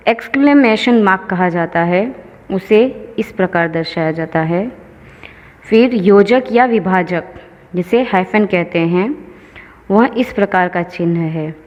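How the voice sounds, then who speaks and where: A woman teacher giving a slow, patient grammar lesson, explaining each example step by step. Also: mid-range voice, a little mellow. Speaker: school teacher. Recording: lo-fi with long reverb.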